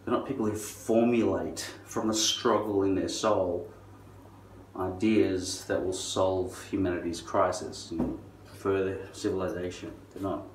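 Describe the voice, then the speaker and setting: A middle-aged man with a low voice rambles through a sardonic, foul-mouthed rant. He drags some words out and punches others. He sounds distant from the microphone, with roomy echo around him. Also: level tone, a little slow. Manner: sardonic, profane. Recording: distant mic, roomy echo, faint noise.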